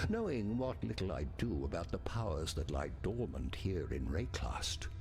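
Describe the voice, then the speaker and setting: An actor voicing a pompous, theatrical, melancholy ghost of a marooned sea captain in a video game, with florid delivery and breathy endings. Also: male voice, deep voice, exaggerated voice. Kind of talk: scripted video game character dialogue.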